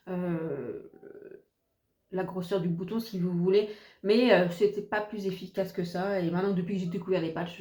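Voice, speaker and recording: A woman's voice: on the low side, warm tone. A woman reviewing finished beauty products in a chatty, hesitant way, full of fillers and restarts. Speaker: beauty vlogger. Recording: echoey room.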